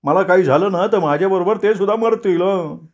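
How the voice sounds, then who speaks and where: A man doing a fretful, high-voiced timid clerk. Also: fairly quick, a little mellow, muffled recording.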